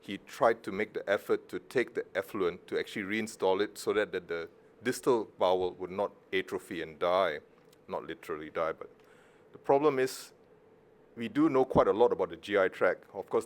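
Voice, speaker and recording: A middle-aged man from Malaysia, a surgeon giving a conference talk in a casual, joking way with self-deprecating asides. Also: sits low. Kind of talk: conference presentation.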